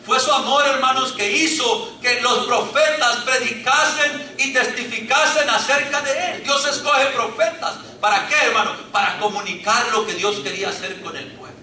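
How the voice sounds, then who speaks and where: Recorded from a distance in an echoey church sanctuary, a pastor speaks at normal speed with few pauses in a very high-pitched, sharp voice. He has a Latin American Spanish accent and delivers a fervent sermon, calling his congregation brothers.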